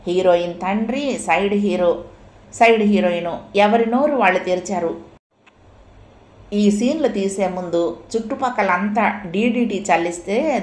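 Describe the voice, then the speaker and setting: A woman reading a comic novel aloud in a lively, theatrical storytelling manner. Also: medium pitch. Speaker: audiobook narrator. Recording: roomy echo.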